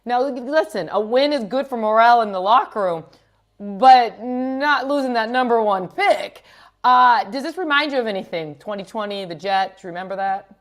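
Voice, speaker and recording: Lady hosting a football talk show, slightly high voice, keeps things moving. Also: expressive, moderate pace. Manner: steers the talk to new topics. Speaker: show host. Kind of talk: hosting a sports talk panel.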